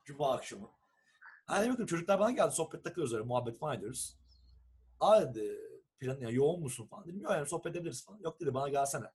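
A young man from Turkey, telling a long story in a casual, animated chat and acting out what people said. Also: a little high, very fast, slightly rough. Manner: animated storyteller who acts out quoted texts and swears casually.

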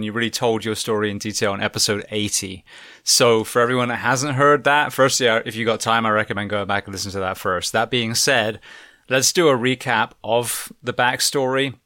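A man's voice: medium pitch, sharp tone, dry recording, clean studio sound. A man hosting a podcast interview, talking in an enthusiastic, conversational way. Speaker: podcast host.

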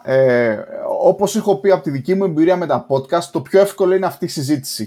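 Greek man, mid-pitched podcast co-host. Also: darkish tone. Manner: reflective, self-deprecating, talks in long run-on turns. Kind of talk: casual chat.

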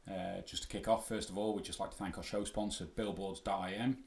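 A man's voice: sits low, fairly even intonation, a little fast, vocal fry, roomy sound. A man with a Manx accent from the Isle of Man, hosting a sports podcast in a conversational style. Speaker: podcast host. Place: podcast studio.

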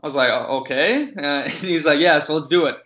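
A man's voice: fairly high pitch, lively intonation, a little fast, a bit bright. A man hosting a podcast who talks in an upbeat, chatty way and leans on casual fillers. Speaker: podcast host. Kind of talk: casual interview talk. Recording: echoey room on dull lo-fi audio.

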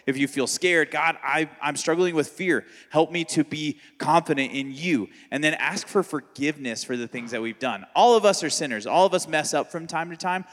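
A man in his thirties, a pastor on a question panel, explaining calmly in a soft-spoken way. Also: on the high side, moderate pace, hardly any pauses, long reverb tail. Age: 30s. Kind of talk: panel Q&A teaching.

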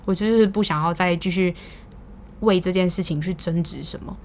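A woman's voice: on the low side, normal speed, darkish tone, slight background noise. A young woman with a Taiwanese Mandarin accent, hosting a podcast and telling a story in casual, exasperated venting, swearing now and then. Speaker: podcast host.

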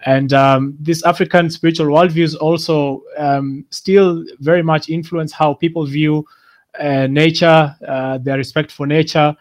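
A man's voice: on the high side, fairly even intonation, a little slow. A man from Kenya speaking reflectively, with many fillers and restarts. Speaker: guest speaker. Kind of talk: reflective talk.

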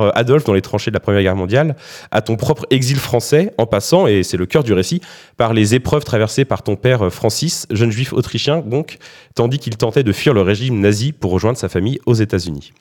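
A man hosting a podcast, reading a scripted introduction of his guests in a brisk manner, with self-mocking asides. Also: medium pitch, expressive, darkish tone. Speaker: podcast host. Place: studio or room around a table.

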